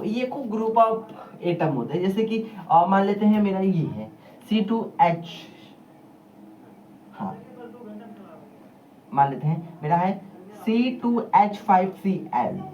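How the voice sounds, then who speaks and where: A man's voice: sits high, mellow. A male teacher giving a casual whiteboard lesson, chatty and rambling, speaking straight to his students. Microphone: camera across the room. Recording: distant muffled camera audio, faint hiss.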